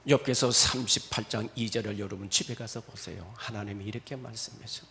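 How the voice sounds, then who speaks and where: A man preaching a Sunday sermon at a church service, dramatic, swinging between loud exclamations and hushed asides. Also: on the low side, fairly even intonation, a little fast, a little hiss or hum. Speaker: pastor.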